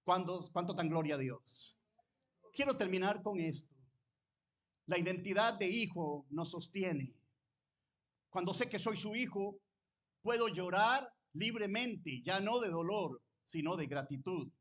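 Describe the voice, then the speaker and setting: A man preaching a sermon, fervent, switching between loud exclamations and quiet personal storytelling. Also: high-pitched, animated, measured pace. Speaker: pastor.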